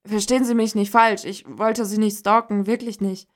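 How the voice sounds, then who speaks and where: A woman's voice: mid-range voice, fairly even intonation, normal speed, natural voice. A woman reading the dialogue of a nervous, eager young woman in a slightly raised voice.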